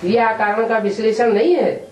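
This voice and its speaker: A man leads a spiritual question-and-answer session, explaining each point patiently and pausing to ask his listeners "what?" He sits well back from the microphone in a roomy, echoing space, with a faint hiss underneath. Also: sits high, darkish tone. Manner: explains patiently, often checks with a rhetorical "what?". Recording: echoey room, distant mic, faint hiss.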